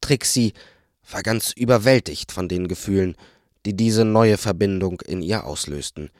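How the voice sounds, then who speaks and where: A man narrating an audiobook in a calm, measured storytelling manner. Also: deep voice, dry recording, studio quality. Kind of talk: audiobook reading.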